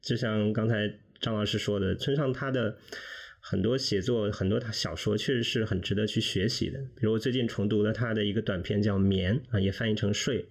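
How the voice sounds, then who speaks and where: Gravelly low-voiced man talking books. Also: steady tone. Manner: measured, reflective, thoughtful. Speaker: podcast guest, reader. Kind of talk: casual discussion.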